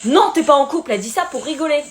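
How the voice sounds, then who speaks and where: A woman's voice: high-pitched, lively intonation, rapid-fire. A woman acting in a comedy sketch as a sulky, slangy teenager.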